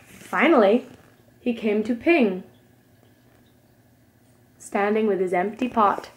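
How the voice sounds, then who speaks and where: Reading a picture book to children as a preschool teacher would, a young woman tells the story with expression and care. She speaks at a slow pace in a medium-pitched voice.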